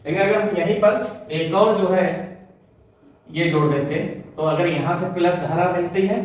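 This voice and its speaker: A male physics teacher explaining at the board step by step, asking and answering his own questions, slowing down to dictate exam answers. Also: sits high. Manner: slows to dictate notes. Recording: echoey room from far off, dull sound.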